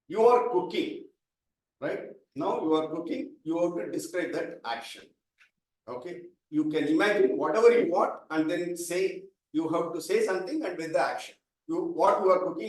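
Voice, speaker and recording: A man's voice: a little high, normal speed, darkish tone. A man, presenting a speaking workshop and patiently calling up volunteers. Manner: explains patiently, calls up volunteers. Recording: echoey hall, mic from far off.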